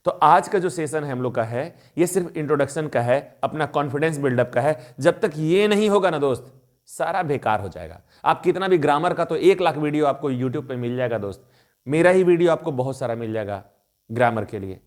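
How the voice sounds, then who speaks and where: A man's voice: fairly high pitch, expressive, fairly quick. A man teaching a spoken English lesson in a chatty, coaxing way, often calling to his viewers as friends. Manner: chatty, repeats a friendly term of address.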